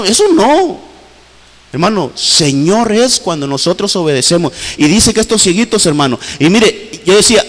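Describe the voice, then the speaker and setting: A man preaching a sermon as pastor in a church, fervent and swinging his pitch widely while calling his listeners brother. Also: a bit bright. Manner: fervent preaching with sweeping pitch swings, repeatedly addressing "hermano". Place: church hall. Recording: long church reverb.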